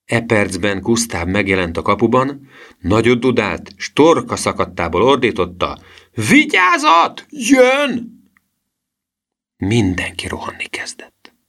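A man narrating a children's storybook in an expressive reading style. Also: fairly low pitch. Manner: expressive reading with lively voice swings. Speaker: audiobook narrator.

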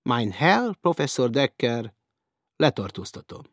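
A man's voice: medium pitch, sing-song, no echo, clean studio sound. A man voicing a commanding male police chief inspector who barks orders. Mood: cold. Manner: barking orders.

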